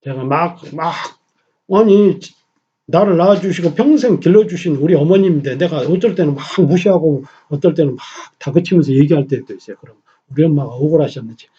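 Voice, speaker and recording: A middle-aged man preaching a Sunday sermon in a small church, swinging from loud emphasis to soft near-whispers. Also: a little high, brisk, husky, lo-fi sound. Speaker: pastor.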